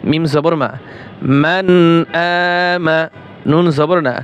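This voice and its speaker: A man with a Bangladeshi Bengali accent teaching Quran recitation, spelling out letters syllable by syllable and drawing recited words out slowly, often asking and answering his own questions. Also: fairly high pitch, steady tone, a little hiss or hum. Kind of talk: slow spelling-out Quran lesson.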